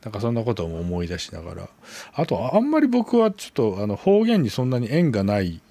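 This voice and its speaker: A man in a casual book club chat, explaining his picks in an unhurried way that thinks aloud. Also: mid-range voice, huge pitch swings, warm tone, dry recording.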